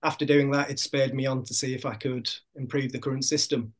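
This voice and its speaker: A man with a Hull accent giving measured, explanatory answers as a guest in an interview. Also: medium pitch, fairly even intonation. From Hull, Yorkshire, England. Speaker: podcast guest, sports doctor.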